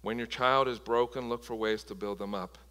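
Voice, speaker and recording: A man's voice: mid-range voice, fairly even intonation, brisk, fairly bright tone. A man preaching a sermon as pastor, impassioned, often restarting and repeating words. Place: church sanctuary. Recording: long reverb of a large hall.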